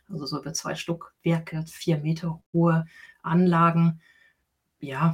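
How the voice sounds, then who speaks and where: This is a middle-aged woman from Saxony who works as a coach. She answers interview questions earnestly and at length, explaining step by step and breaking into soft laughs. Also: low-pitched. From Saxony, Germany. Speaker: coach and guest.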